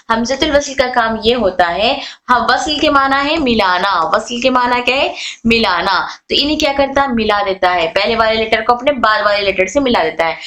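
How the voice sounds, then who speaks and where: A woman teaching a class on Arabic letter rules, repeating points, asking questions and answering them herself, and stretching out example words slowly. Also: on the high side, a bit bright. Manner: drawn-out slow model readings of words. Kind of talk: online class lecture. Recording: echoey room.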